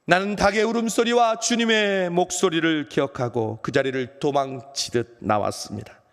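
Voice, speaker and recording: A man, a pastor, speaking as the apostle Peter, a remorseful, ashamed grown man, in a first-person dramatic monologue in a church, swinging from loud outbursts to hushed low phrases. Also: moderate pace, close to an everyday voice. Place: church sanctuary. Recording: long church hall reverb.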